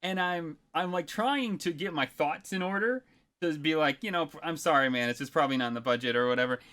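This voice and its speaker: A man's voice: fairly high pitch, a little fast, sharp tone. Rambling, laughing man telling stories. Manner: rambling storyteller, laughs often, many fillers. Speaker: podcast co-host. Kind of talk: casual podcast chat.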